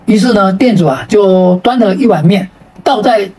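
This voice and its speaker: A woman with a Taiwanese Mandarin accent telling a string of jokes, stretching out her sentence particles in a lively way. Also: mid-range voice, moderate pace. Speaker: joke storyteller. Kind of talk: storytelling of jokes. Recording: roomy sound from a distant mic.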